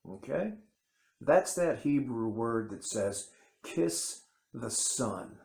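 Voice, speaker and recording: An independent Bible teacher, a native English-speaking man, offers a casual, rambling commentary to camera, often breaking off and restarting his sentences. His mid-range voice is expressive, slow, gravelly and a little mellow. The room is echoey.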